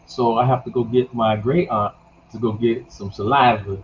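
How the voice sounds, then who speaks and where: A man's voice: medium pitch, steady tone, normal speed. Man in his sixties, folksy storyteller, easygoing chat, muffled sound, faint hum behind. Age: 60s. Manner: folksy, storytelling, laughs at own jokes. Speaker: guest. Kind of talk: casual conversation.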